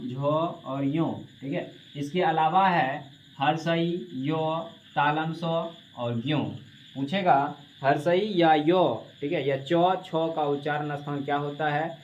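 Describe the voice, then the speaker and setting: Male tutor drilling grammar. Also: fairly high pitch. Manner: repeats questions and answers for drilling, calls students "babu". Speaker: teacher. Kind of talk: classroom grammar lesson. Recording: dull lo-fi classroom recording with faint hiss.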